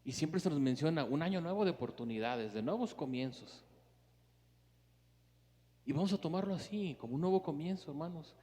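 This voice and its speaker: A man preaching a sermon as pastor, emphatic, swinging between loud urgency and hushed earnestness as he speaks straight to the congregation. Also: fairly high pitch, animated, moderate pace, long pauses, big-room sound. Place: church.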